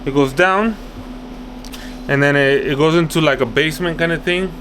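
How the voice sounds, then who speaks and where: Indoors at an office job site, an access control installer and video host gives an unscripted, hands-on walkthrough, teaching and thinking aloud while often repeating himself. His voice is on the high side and fairly bright, moving at a moderate pace over slight background noise.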